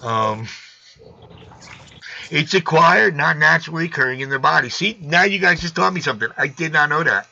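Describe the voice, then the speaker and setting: A male live stream host in casual chat, blunt and full of wisecracks. His voice sits a bit high, with a gravelly rasp and a sharp, bright edge. The sound is dull and lo-fi. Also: animated, moderate pace, no room sound.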